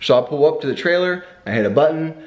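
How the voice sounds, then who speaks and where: A man's voice: a little high, animated, fast talker, highs cut off. A young man chatting casually as a car vlogger, talking with braces that give him a slight lisp. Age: young adult. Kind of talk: casual rambling vlog chat. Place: indoors in a home kitchen. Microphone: camera at arm's length or on the table.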